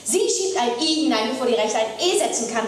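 An actress as a fast, chatty woman, very echoey stage. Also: fairly high pitch, lively intonation, slight background noise, natural voice. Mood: apologetic, explaining. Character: chatty, apologetic woman composing emails. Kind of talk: stage monologue in rehearsal. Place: theater rehearsal stage. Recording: echoey stage, distant mic.

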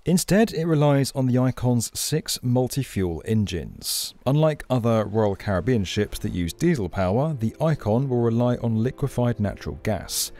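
A man giving scripted documentary narration in a clear, explanatory, lightly conversational way, recorded as a studio voice-over. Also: mid-range voice, animated, moderate pace, few pauses, mellow.

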